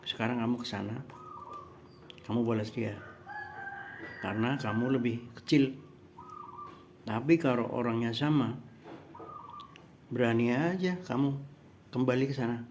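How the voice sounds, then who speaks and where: A man voicing a patient, wise father who gently reassures his young son in a spoken story. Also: mid-range voice, a little slow, long pauses, a little hiss or hum, close to an everyday voice. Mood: reassuring.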